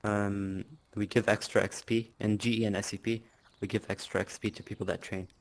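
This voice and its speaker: A man talks casually as an interview guest, boasting and often laughing. His voice sits fairly low. It stays quite flat in tone. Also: brisk. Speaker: interviewee, clan leader.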